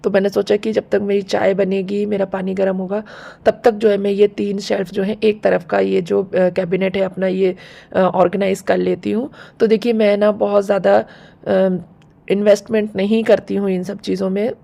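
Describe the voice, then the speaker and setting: Hoarse, gravelly-voiced woman vlogging. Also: mid-range voice, flat delivery, moderate pace, mellow. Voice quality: gravelly, husky. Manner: homely, chatty, explains step by step. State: sore throat, hoarse. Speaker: home vlogger. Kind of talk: casual chatty vlog narration.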